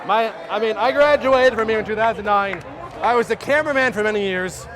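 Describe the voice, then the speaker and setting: A man in his thirties doing play-by-play for a high school basketball game, excited and short of breath, shouting at the big plays. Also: a little fast. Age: 30s. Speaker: play-by-play announcer. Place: school gymnasium. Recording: crowd noise in a gym. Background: loud cheering crowd.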